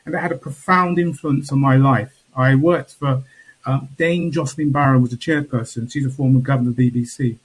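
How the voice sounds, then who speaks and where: A man on a video call, introducing himself as a panellist in a measured way with pauses and restarts. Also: medium pitch, steady tone, husky, rough recording. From England.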